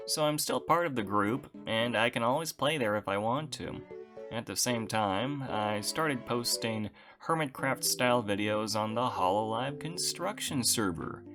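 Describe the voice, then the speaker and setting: A young man giving a casual channel update to his viewers, wry and self-deprecating, with dry understatement. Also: medium pitch.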